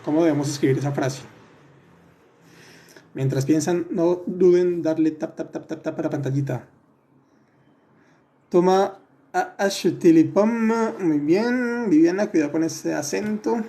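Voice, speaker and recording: Patient male online French teacher, a bit high and mellow in tone, repeats and checks in often. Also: moderate pace. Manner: addresses students by name, corrects their answers. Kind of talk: live online class.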